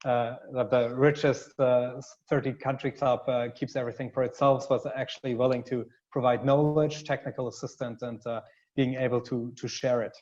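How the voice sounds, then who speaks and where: A man's voice: medium pitch, a little mellow, dull audio. A man speaking as a panelist in a webinar, hesitant, with many fillers and restarts. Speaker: panelist, consultancy CEO.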